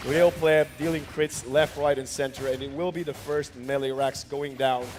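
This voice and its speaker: A man's voice: mid-range voice, steady tone, normal speed, darkish tone, a little hiss or hum. A man hosting a live esports broadcast, giving commentary and recap of the match. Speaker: esports caster and host.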